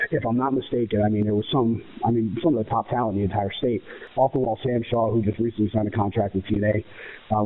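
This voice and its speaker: American male wrestler interviewee, emphatic and repetitive, quick delivery, heard through a thin phone-like line. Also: fairly low pitch. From United States. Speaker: professional wrestler being interviewed. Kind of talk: spoken interview answers. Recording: muffled, narrow phone-like radio sound.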